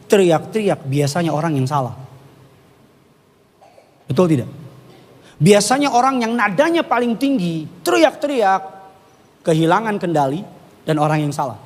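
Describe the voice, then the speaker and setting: A man preaching a sermon, animated and jokey, slipping into playful voices and regional slang. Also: high-pitched, measured pace, long pauses. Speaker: pastor. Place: church hall. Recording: long church reverb.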